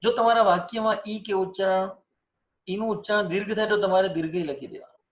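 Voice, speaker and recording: High-voiced man teaching spelling. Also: fairly even intonation, fast. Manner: drills pronunciation with repeated examples and questions. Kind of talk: spelling lesson. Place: teaching setup with screen and cursor.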